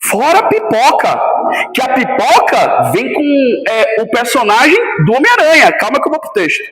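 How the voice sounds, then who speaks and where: A man, a pastor from Brazil's Northeast, preaches with a strikingly high voice. He climbs into shouted peaks, then drops to a low, intimate storytelling tone. The church hall around him rings with echo. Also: wildly swooping pitch, moderate pace. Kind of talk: sermon.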